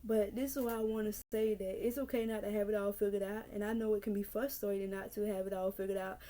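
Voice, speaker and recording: A woman's voice: medium pitch, steady tone, mellow. Earnest nineteen-year-old woman. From North Carolina. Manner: earnest and encouraging, repeats herself, slow. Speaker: vlogger. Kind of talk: casual vlog talk to camera. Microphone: camera mic.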